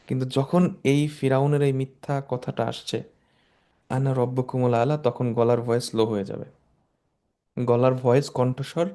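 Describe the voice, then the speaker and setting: A man's voice: medium pitch, mellow. A man teaching Quranic Arabic grammar, explaining each word in turn and mixing English terms into his talk. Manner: slow, measured recitation of verses.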